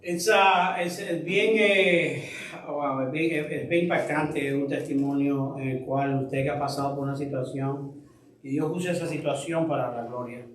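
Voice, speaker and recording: A man's voice: on the high side, fairly even intonation, a little slow, a little hiss or hum. Man teaching a Bible study from afar. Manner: reflective, asks the group questions. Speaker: pastor leading a Bible study. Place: church room. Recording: echoey room, voice from far off.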